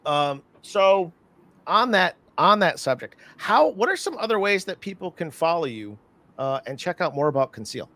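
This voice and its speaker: Animated male interview host. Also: sits high, no room sound. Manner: animated storyteller, acts out scammers' lines in quick bursts. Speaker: podcast host. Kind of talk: casual interview chat.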